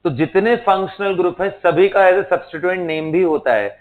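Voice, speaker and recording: A man's voice: high voice, normal speed. A man teaching a chemistry class in a lecture style, spelling out terms letter by letter and checking in with his students. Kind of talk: classroom lecture mixing Hindi and English. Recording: tinny phone-like lo-fi sound.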